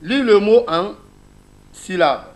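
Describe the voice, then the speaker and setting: A man's voice: high-pitched, lively intonation, slow. A man with a Guinean French accent teaching a class, explaining a reading method step by step and asking his listeners questions.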